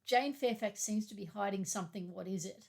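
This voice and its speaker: Brisk woman co-hosting a book podcast. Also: mid-range voice, gravelly, a little mellow, slightly rough. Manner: brisk, matter-of-fact summarizing. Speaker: podcast co-host. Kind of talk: literary discussion podcast.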